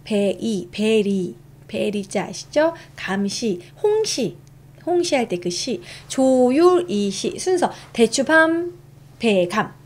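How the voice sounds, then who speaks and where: A woman's voice: on the high side, sing-song, slow. A young woman streaming a casual history lesson, chatty, reading notes aloud and reacting to her chat.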